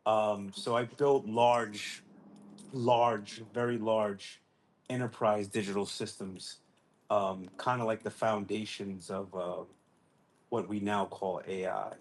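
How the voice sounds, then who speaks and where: Man in his forties, low voice, rambling. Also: steady tone, takes it slowly. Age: 40s. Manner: meandering, hedging, full of ums. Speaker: guest, tech architect. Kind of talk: casual online group chat.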